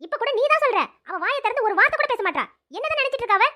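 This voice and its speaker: A woman's voice: very high-pitched, racing, a bit bright. A woman playing a stern scolding cartoon teacher. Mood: angry. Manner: scolding, authoritative. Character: stern middle-aged woman camp teacher. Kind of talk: cartoon voice acting.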